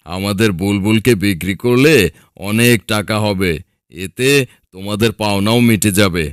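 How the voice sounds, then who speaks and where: A man's voice: lowish voice, normal speed, smooth, no room sound, clean studio sound, natural voice. A man voicing a poor, worried village father in a cartoon. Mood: weary.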